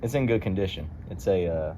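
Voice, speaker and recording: Low-voiced man rambling over vehicle noise. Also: animated, brisk, warm tone. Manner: folksy colloquial phrasing, ain't and them. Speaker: vlogger. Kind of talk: casual rambling vehicle chat to camera. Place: in and around a truck. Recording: dull lo-fi audio, vehicle noise. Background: car and outdoor ambience.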